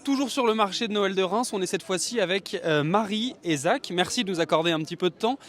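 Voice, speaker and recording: A man interviews passers-by as a street reporter. His voice sits fairly high, and he asks his friendly questions plainly. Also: fast, fairly bright tone, slight background noise. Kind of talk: vox-pop interviewing.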